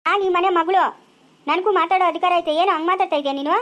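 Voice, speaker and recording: A woman's voice: extremely high pitch, steady tone, quick pace, a bit bright. Fierce village woman, a woman acting with a rural accent. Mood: scolding. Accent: rural Chikkaballapura Kannada. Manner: scolding, fierce and indignant. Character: quarrelsome village woman fighting for her family rights. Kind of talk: village family drama skit.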